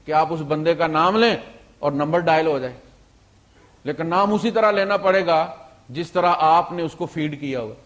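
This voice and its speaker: A man, an Islamic preacher, tells stories in his sermon with a fairly high-pitched voice. He moves back and forth between loud stresses and quiet side remarks, mixing in English.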